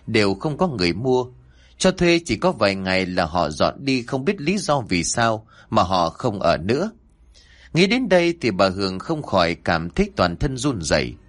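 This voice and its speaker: A man reading a scripted horror story aloud as narrator, with an expressive delivery. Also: fairly low pitch.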